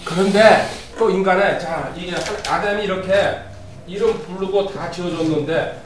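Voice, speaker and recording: A man's voice: high-pitched, measured pace. Guy pastor preaching, reads bible verses, asks the room questions, echoey, a bit far off, faint room hum. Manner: teaching with scripture readings, asks the congregation questions. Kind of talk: sermon. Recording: roomy, distant, faint ambience.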